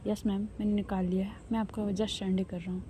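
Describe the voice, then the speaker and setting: A woman's voice: medium pitch, flat delivery, a little fast, dark tone, slight background noise, natural voice. A woman voicing a young man who answers politely and dutifully as an assistant.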